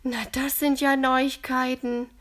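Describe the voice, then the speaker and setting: Relieved, warm grown woman, as a woman puts her on. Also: sits high, little pitch movement, takes it slowly. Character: relieved grown woman, community hall keeper.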